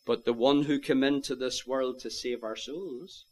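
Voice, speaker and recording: A man preaching an evangelistic sermon, earnestly pleading with his listeners and rising to loud, impassioned calls. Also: medium pitch, fairly even intonation, a little slow. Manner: old-fashioned biblical phrasing.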